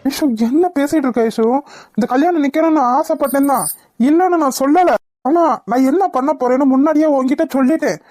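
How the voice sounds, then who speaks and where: A woman's voice: high voice, brisk, dark tone, dry recording, soft background music, lightly acted. Woman voicing an anxious cartoon young man. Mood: pleading. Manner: pleading, defensive, anxious. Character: young man hiding from his wedding, worried and defensive. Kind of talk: Tamil cartoon voice acting.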